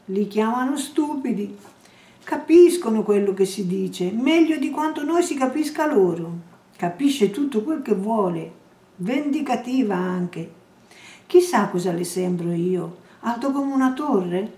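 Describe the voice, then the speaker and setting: A woman's voice: medium pitch, lively intonation, a little slow, natural voice. A woman reading a cat-loving man, teasing. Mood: musing. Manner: gently teasing, coaxing. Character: middle-aged man fussing gently over his cat. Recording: roomy echo, distant mic.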